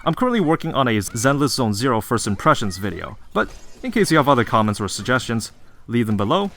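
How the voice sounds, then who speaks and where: A man reading scripted video narration as a game reviewer, in an earnest, measured and apologetic manner. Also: mid-range voice, very animated, a bit bright.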